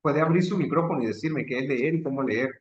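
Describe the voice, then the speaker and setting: A man's voice: a little high, quick pace, reverberant, muffled recording. A man with a Salvadoran accent teaching an online training session, talking conversationally and checking in with his listeners. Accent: Salvadoran Spanish. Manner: conversational, checks in with rhetorical asides. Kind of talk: online lecture. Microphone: video call.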